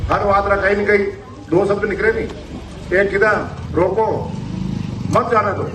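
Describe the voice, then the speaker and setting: Man, Rajasthani accent, high voice, rustic and rambling campaign speech, recorded from afar. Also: distant mic, slight background noise. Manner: rustic, rambling, repeats himself. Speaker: politician.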